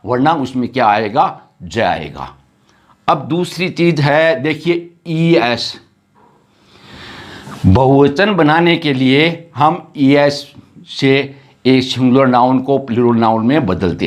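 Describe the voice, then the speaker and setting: A man teaches a grammar lesson at a very unhurried pace. His voice sits at an ordinary middle pitch, and he repeats each word and sound carefully, one at a time, as if for students taking notes.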